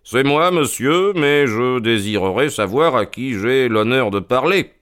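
A man playing a calm, ironic detective who reasons and mocks with composure, in an audio drama reading. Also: a little slow, smooth. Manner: composed and mocking, lively rises in pitch. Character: calm, ironic male detective, sure of himself.

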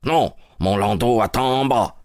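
A man voicing a calm, sharp detective with a measured, dry manner in an audiobook reading. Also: medium pitch, dry recording, lightly acted. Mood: composed.

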